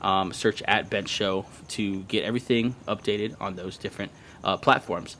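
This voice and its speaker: A man with a slightly low voice hosts a loose sports podcast outdoors in a backyard at night. He banters and curses freely while trying not to be too loud for the neighbours. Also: normal speed, slight background noise. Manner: profane, joking banter; keeping somewhat quiet outdoors so as not to disturb neighbours. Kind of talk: casual podcast chat.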